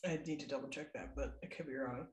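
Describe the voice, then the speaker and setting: A woman's voice: very deep voice, quick pace, darkish tone, roomy sound. A woman co-hosting a podcast in casual chat, chatty and loose, laughing easily. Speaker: podcast co-host.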